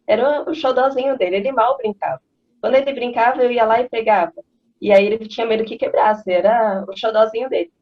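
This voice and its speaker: A woman, a mother of three, chatting casually and rambling through parenting stories and advice. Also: mid-range voice. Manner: rambling, conversational, frequent fillers like "né" and "assim". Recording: slightly dull lo-fi audio.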